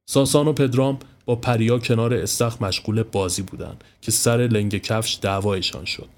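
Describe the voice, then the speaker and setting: A man's voice: fairly low pitch, steady tone. A man steadily narrating a scripted horror story. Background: soft music.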